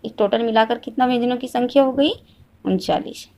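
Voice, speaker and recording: A woman's voice: on the high side, brisk, vocal fry, darkish tone, slight background noise. Hindi teacher woman quizzing and repeating. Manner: asks questions and answers them herself, repeats each point. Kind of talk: classroom lesson.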